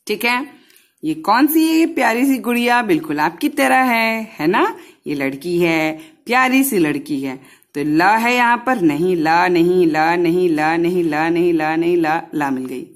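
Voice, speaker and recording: Woman teacher, lowish voice, super slow, stretches out every syllable for little kids. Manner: patient, drawn-out syllable-by-syllable sounding out of words, frequent "ठीक है?" checks. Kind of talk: online Hindi lesson for young children.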